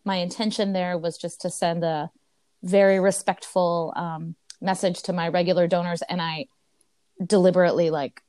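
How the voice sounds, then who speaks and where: A woman co-hosting a team podcast, chatting casually in an upbeat way with a loud voice and many fillers. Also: lowish voice, flat delivery, moderate pace, no room sound, studio quality. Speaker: podcast co-host. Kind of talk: casual chat.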